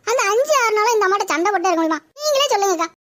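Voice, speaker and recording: A woman's voice: extremely high pitch, expressive, rapid-fire, a bit bright. A woman voicing a timid, anxious young village woman with a Tirunelveli Tamil accent, pleading and complaining. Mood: plaintive. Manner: pleading, plaintive.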